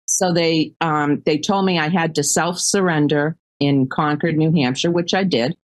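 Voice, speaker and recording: An older woman, a grandmother, speaking as a guest in a casual interview, plainspoken and quick to laugh. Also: low voice, no echo.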